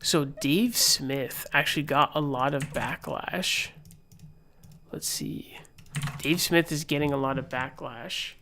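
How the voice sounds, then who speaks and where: A man's voice: a little high, slow, pushed and bright, slight background noise. A young man giving casual live-stream political commentary, rambling with lots of fillers and reading posts aloud. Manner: rambling, filler-heavy, reads tweets aloud.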